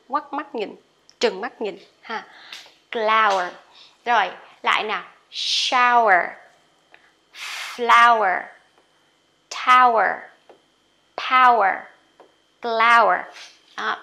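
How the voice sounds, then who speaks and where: Bright Vietnamese woman teaching pronunciation. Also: on the high side. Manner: chatty, models English words loudly. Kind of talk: casual online lesson.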